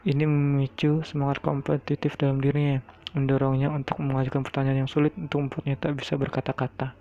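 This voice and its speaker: A man reading a translated novel aloud in a monotone, with small slips along the way. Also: medium pitch, fast talker. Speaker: audiobook narrator. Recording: dull lo-fi recording.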